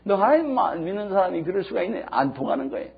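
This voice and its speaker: A man preaching a sermon, telling stories with emphasis and swinging between hushed and loud. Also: high-pitched, big pitch swings, fast, breathy edge. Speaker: pastor. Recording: dull lo-fi sermon recording.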